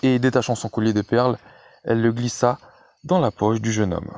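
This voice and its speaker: A man narrating a classic literary novel in a measured, even storytelling manner. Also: medium pitch, a little hiss or hum.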